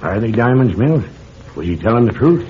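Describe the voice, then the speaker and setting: A man's voice: mid-range voice, very animated, fairly quick, lightly acted. An actor playing a wary, eager outlaw henchman with folksy wording in an old western radio drama. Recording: muffled, noisy vintage radio recording.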